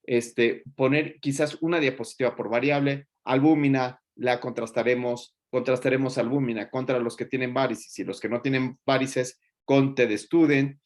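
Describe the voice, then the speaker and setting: A man's voice: mid-range voice, steady tone, moderate pace, few pauses. Joking man giving class feedback. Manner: colloquial and joking, with many fillers. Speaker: teacher. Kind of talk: classroom feedback on student presentations.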